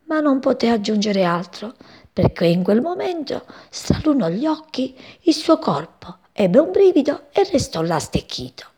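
A woman reading a children's story aloud in an expressive storytelling manner. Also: on the high side, unhurried, breathy edge.

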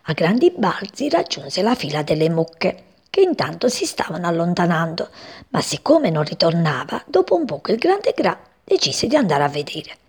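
Gravelly, husky woman reading a story aloud. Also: on the low side, moderate pace. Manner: expressive, voicing the characters.

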